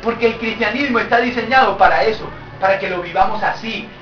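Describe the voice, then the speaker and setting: Pastor, high bright voice, preaching lively and loud at times, echoey church from far off. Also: male voice, fast, dull audio, heavy background noise. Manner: lively preaching, jokes with congregation, rises to shouts. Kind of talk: sermon.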